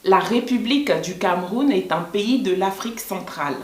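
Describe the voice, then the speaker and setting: A woman's voice: mid-range voice, moderate pace, soft background music. A woman from West Africa, chatting casually in a vlog, explaining things and laughing often. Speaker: vlogger. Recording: echoey room.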